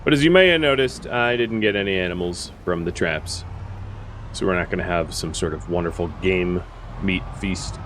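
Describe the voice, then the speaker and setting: A man's voice: sits low, normal speed, fairly bright tone, a little hiss or hum. A man giving casual, wry gameplay commentary as a streamer, thinking aloud with fillers. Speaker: gaming streamer.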